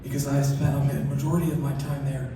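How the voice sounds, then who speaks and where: A soft-spoken man giving an acceptance speech, his articulation slurred as if one side of his mouth is numb. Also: medium pitch, level tone, fast. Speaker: award recipient. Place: large hall through PA. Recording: echoey hall, distant, noisy ambience.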